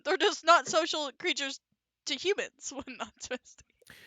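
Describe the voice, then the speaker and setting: A woman's voice: high voice, normal speed, pushed and bright. A woman playing a tabletop role-playing game, chatting in casual banter with the other players.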